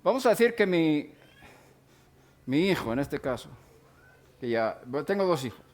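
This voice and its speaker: A middle-aged man gives a sermon-style Bible lesson in a fairly high voice that swings widely up and down. He speaks deliberately, pausing to define and repeat his key words. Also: big pitch swings. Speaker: Bible teacher.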